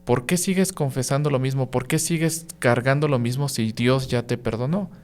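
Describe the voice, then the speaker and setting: A male priest shares a gentle reflection on a radio podcast. His speech is mid-pitched and conversational, peppered with "¿no?" and "¿sí?" as he builds his point through simple family examples. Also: moderate pace. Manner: reflective, explains with everyday examples; frequent "¿no?" and "¿sí?" tag questions.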